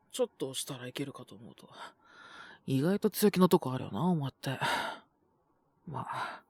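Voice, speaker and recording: In an intimate romantic audio roleplay with no echo, a man does a full character voice as a possessive, teasing young half-human wolf man sick with a cold, coughing as part of the act. His pitch is on the high side, and his husky, breathy voice often drops near a whisper. He speaks roughly and casually in a languid, teasing way.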